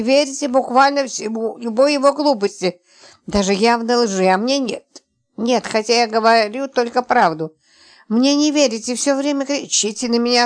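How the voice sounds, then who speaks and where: A woman voicing Roman, a stubborn young man who talks gruffly and sometimes grumbles. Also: a little high, natural voice.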